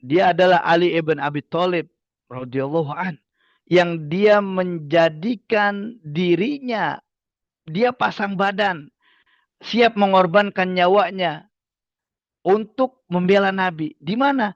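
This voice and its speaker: A man's voice: sits high, slow pace, pauses often, no room sound, lo-fi sound. A man preaching in a religious study lecture, telling a story and posing rhetorical questions to his listeners. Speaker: Islamic preacher.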